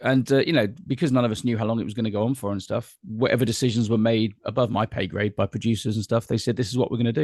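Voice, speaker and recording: A quick, chatty middle-aged man spins anecdotes as an interview guest. His voice sits at an ordinary pitch, and the sound is dry and close with hardly any room in it. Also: a little mellow, dry recording. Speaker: guest entertainer. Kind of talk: casual interview chat.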